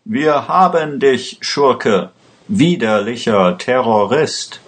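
Desperate accused man, voiced by a man reading, urgent pleading, slow storybook delivery. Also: on the low side, lively intonation. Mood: triumphant shouting. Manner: urgent, pleading, often shouting.

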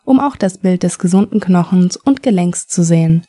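A businesslike male radiologist, read by a woman who gives instructions in a matter-of-fact way. The voice is mellow and dry. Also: on the low side, expressive, moderate pace, husky, no room sound.

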